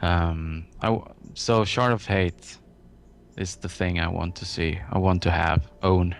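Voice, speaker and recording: Deep-voiced male podcast guest. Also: fairly even intonation, creaky, slight background noise. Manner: eager, halting, frequent uhs and self-corrections. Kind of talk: casual gaming podcast chat.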